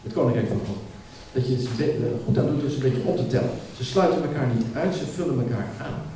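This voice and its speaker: A man's voice: mid-range voice, animated, fairly quick, dark tone, slight background noise. Emphatic man preaching in an echoey hall. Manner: emphatic, repeats words while building a point. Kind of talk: sermon. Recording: echoey hall, speaker far from mic.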